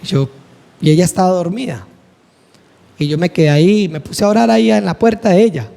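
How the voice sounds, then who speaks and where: A man's voice: sits high, fairly quick, gravelly, mellow. A middle-aged man, teaching a church class earnestly and acting out the dialogue in his personal stories. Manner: earnest, acts out dialogue vividly. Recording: echoey hall with long reverb.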